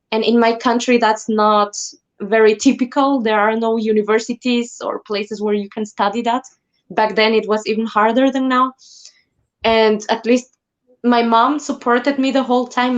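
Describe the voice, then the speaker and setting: A woman's voice: on the high side, muffled recording. Earnest woman from Ecuador on a call. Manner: earnest, enthusiastic storytelling. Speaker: guest singer. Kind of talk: live stream interview.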